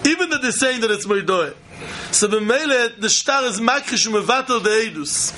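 A man with a very high, bright voice and a Yiddish accent gives a religious study lecture. He teaches by posing questions and repeating his points as he argues them through. There is faint noise behind him. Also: animated, moderate pace. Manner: repetitive, questioning, argumentative explanation. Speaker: Talmud teacher.

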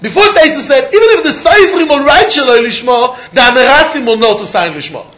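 A man with a strikingly high voice and a Yiddish accent gives a Talmud lesson. He poses questions and answers them in a sing-song way, recorded in a room with clear echo. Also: animated, fairly quick, pushed and bright. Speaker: Talmud teacher. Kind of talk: religious text lesson. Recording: echoey room.

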